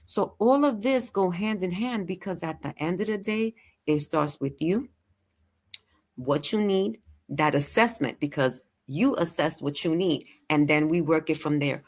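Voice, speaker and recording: Lively woman with a lowish voice. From Latin American heritage. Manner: animated, asks rapid rhetorical questions, deliberately slows her voice at times. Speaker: guest, care and virtual assistant business owner. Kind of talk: persuasive interview talk.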